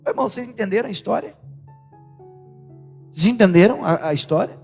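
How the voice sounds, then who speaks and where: Brief: high-pitched male Brazilian preacher, emphatic sermon delivery, reverberant church hall. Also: fairly quick, gravelly, faint music behind. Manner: animated, emphatic, with rhetorical questions to the congregation. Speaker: pastor.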